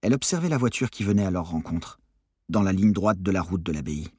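Audiobook reader, man, lowish husky voice, dry close sound, steady. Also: brisk, no room sound. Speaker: audiobook narrator. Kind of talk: scripted novel narration.

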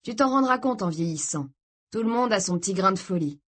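A woman voicing an easygoing father who muses calmly in a read-aloud story, close to her own voice. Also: mid-range voice, a little fast, close to an everyday voice. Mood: musing. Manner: calm, musing.

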